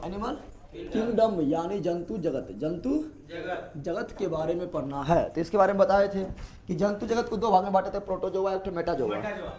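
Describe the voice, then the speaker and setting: A man's voice: high voice, a little mellow. A man teaching a live online biology class in with a lilt, repeating questions and answers to his students. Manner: repetitive call-and-response questioning.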